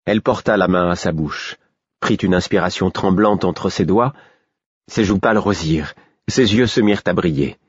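A male audiobook narrator reads first-person literary prose in a measured, even way, his voice very low and husky. The recording is close, dry and somewhat dull.

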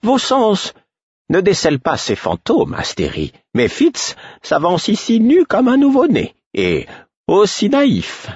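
A man's voice: high-pitched, huge pitch swings, takes it slowly, a little mellow, husky, no echo, dull audio, pitched above the performer's own voice, heavily acted. A man voicing a scolding old woman, swooping. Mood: cryptic. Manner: scolding, fretful. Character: sharp-tongued old woman healer. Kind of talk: audiobook character voice.

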